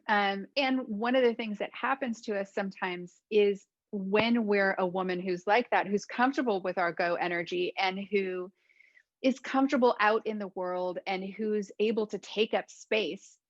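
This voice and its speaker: A woman's voice: medium pitch, measured pace, dry recording, muffled recording. A woman hosting a conversation as a coach, explaining things in an affirming way. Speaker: podcast host and dating coach.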